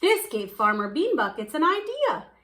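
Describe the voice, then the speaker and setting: High-pitched and sharp in tone, a woman reads a children's picture book aloud at normal speed with big swings in pitch. She narrates expressively and drags out words for emphasis.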